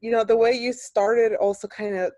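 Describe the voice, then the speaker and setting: A woman's voice: fairly high pitch, flat delivery, moderate pace, mellow, dry recording. A woman from Peru, speaking hesitantly in a class discussion over a video call. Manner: hesitant, many um and like.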